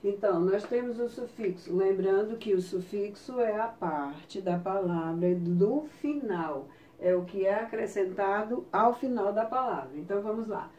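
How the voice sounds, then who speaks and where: A woman's voice: mid-range voice, darkish tone, distant mic. A woman teacher with a Brazilian Portuguese accent, patiently explaining a lesson and checking in with her class often. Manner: slow, patient explaining with frequent check-ins. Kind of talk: recorded online class lesson. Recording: roomy, off-mic with faint ambience.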